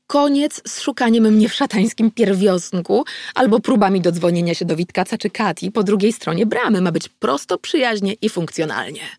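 Gravelly woman narrating an audiobook. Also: mid-range voice, lively intonation, moderate pace, darkish tone, no room sound, clean studio sound. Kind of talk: scripted first-person audiobook narration.

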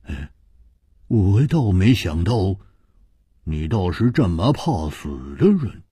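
A male storyteller voicing a brash swordsman who teases and mocks in a quick, lively voice. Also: sits low, breathy edge, no room sound, studio quality, voice pushed down, heavily acted. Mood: mocking. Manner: quick, teasing and scornful. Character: brash laughing swordsman, mocking and loud. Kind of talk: Chinese storytelling broadcast.

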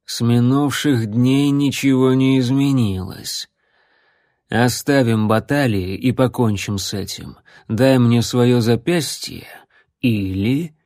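Unhurried, sneering necromancer, as a male reader puts him on; drawn-out sarcasm, dry close sound. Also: medium pitch, darkish tone, dry recording. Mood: mocking. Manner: slow, measured, mocking. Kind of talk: audiobook character voice.

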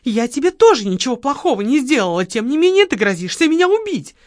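Woman voicing a shrill hysterical young woman. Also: sing-song, measured pace, a bit bright, no echo, studio quality, full character voice. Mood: panicky wailing. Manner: shrieking, whining.

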